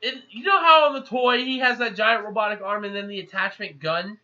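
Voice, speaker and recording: A high-voiced man with a very bright, sharp tone talks through a movie's plot in a loose, chatty recap. The recording is a little muffled and lo-fi. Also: brisk. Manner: chatty, animated, acts out characters. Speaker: movie reviewer. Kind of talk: casual rambling plot recap.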